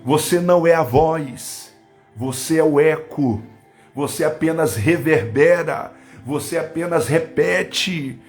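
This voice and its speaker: Brief: Brazilian male preacher on a live stream, high pitched, fervent, soft music underneath. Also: takes it slowly. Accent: Brazilian Portuguese. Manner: fervent, swinging between loud bursts and low asides, speaking in tongues. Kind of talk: live-streamed Pentecostal sermon. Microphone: webcam or phone on a live stream.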